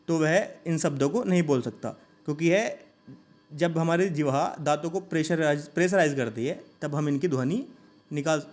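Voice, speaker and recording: A man teaching a grammar lesson, saying each sound slowly and asking listeners to repeat it. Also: on the high side, darkish tone.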